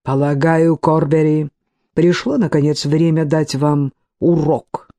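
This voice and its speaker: A reader playing an icily formal gentleman in a period romance audiobook, speaking slowly on a level, measured tone. The voice sits a little lower, dark and mellow, dry. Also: flat delivery, dry recording. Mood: icy. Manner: slow, level, icy. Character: cold, composed older gentleman, icily formal.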